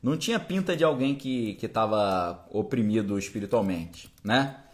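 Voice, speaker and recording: A man's voice: on the low side, animated, normal speed. A man, a podcast host and preacher, telling a first-person story in a conversational way that keeps checking in with listeners.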